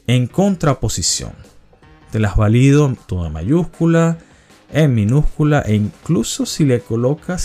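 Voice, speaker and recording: A man's voice: medium pitch, darkish tone. A man hosting a vocabulary quiz, patiently explaining and repeating each answer and its definition. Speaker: quiz host and organizer.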